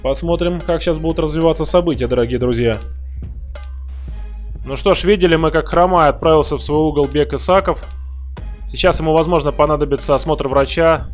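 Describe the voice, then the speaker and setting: Guy calling a fight live, voice a bit high, music and crowd going behind him. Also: fairly quick. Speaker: fight commentator. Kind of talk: live sports commentary.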